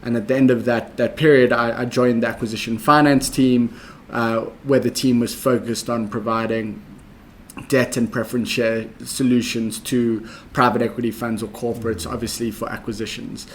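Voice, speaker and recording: Flat-voiced South African man, measured. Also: medium pitch, slight background noise. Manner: measured, methodical, with frequent ums. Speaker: interview guest. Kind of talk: conversational interview.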